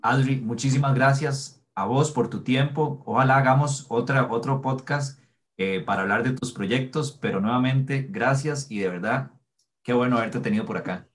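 A man's voice: mid-range voice, normal speed. A man with a Costa Rican accent, talking casually as the host of a podcast interview. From Costa Rica.

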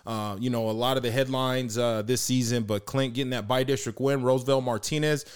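A man co-hosting a casual sports podcast, talking with many hesitations and getting excited and slangy. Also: mid-range voice, a little fast, smooth. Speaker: podcast co-host.

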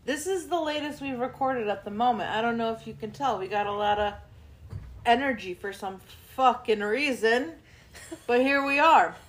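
A woman's voice: on the high side, normal speed. A woman co-hosting a podcast in casual late-night chat, laughing often and swearing freely. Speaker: podcast co-host.

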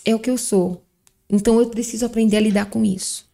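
A woman's voice: a little high, steady tone, fast, gravelly, dark tone. A woman, a psychologist guest on a podcast interview, explaining things and posing rhetorical questions.

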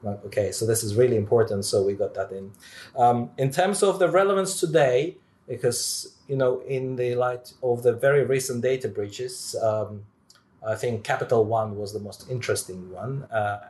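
A man speaking as a guest expert in a technical interview, animated, with many fillers and restarts. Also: mid-range voice, moderate pace.

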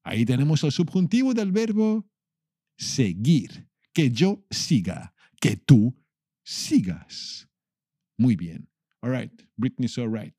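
A playful man from leads a bilingual language lesson, repeating phrases slowly. His delivery is unhurried and his pitch swings in a lively way. The recording is close and dry. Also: no room sound. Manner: playful, switching between Spanish and English, repeating phrases slowly. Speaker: Spanish teacher.

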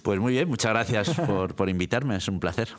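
A man's voice: on the low side, lively intonation, moderate pace. A middle-aged man from Italy, a guest in an interview, talking casually with frequent restarts, repeated words and laughs.

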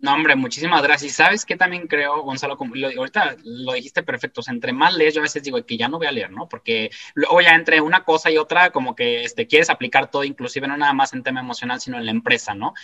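A man with a Mexican Spanish accent, telling a story as a guest in a casual, animated, slangy way. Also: medium pitch, fast, hardly any pauses. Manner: animated, slangy, acts out quoted voices. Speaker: guest speaker. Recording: dull lo-fi sound.

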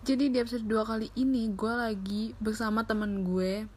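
A woman's voice: a little high, flat delivery, normal speed. A young woman hosting a casual, slangy podcast, with an impediment that slurs her r sounds. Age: young adult. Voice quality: slurred r sounds, a speech impediment. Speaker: podcast host.

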